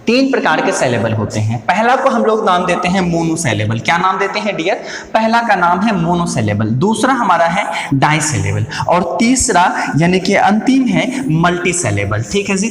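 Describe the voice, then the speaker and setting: A man teaching a grammar lesson, posing questions to his students, answering them himself and repeating key words slowly. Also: sits high, fairly bright tone. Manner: calls listeners "dear" and "my brother". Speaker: English teacher. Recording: echoey room with long reverb.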